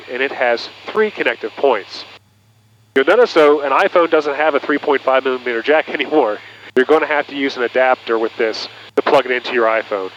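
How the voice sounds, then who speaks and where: A man's voice: mid-range voice, fairly bright tone. A man presenting a product demonstration in an instructional way, sounding like a pilot talking over a headset intercom. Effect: aviation headset intercom sound. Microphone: aviation headset through intercom cable. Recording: muffled cockpit intercom audio with noise.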